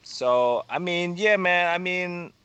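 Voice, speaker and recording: A young man talking as a podcast guest in a halting, rambling way, full of fillers and swearing. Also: sits high, sharp tone, smooth, no room sound. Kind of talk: casual podcast conversation.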